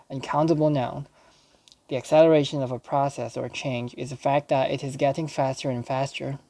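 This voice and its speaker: Man slowly reading dictionary entries aloud. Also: medium pitch, a little mellow. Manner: careful, halting reading with self-corrections; spells words out letter by letter. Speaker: English learner.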